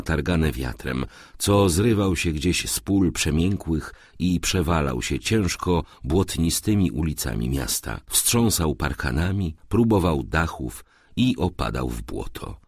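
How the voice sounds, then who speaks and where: A man narrating a literary audiobook with a lively, expressive reading. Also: rumbling low, husky, no room sound, studio quality.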